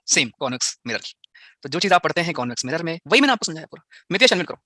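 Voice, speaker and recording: A man's voice: fairly high pitch, expressive, racing, sharp tone, no room sound, clean studio sound. A slightly unwell man teaching a physics class online, firing rhetorical questions at his students and mixing English into his talk.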